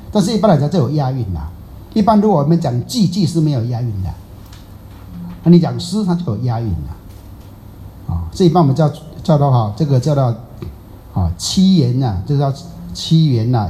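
A man's voice: medium pitch, dark tone, a little hiss or hum. A man teaching a Buddhist class in a chatty, teasing way, quizzing his listeners. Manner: chatty, teasing, asks the audience questions. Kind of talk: Dharma talk to a class.

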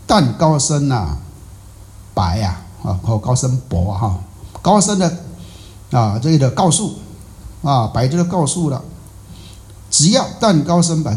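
A man's voice: mid-range voice, warm tone. A man explaining a Buddhist sutra in a loose, conversational lecture, repeating himself with many filler particles and rhetorical questions. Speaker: Buddhist dharma teacher.

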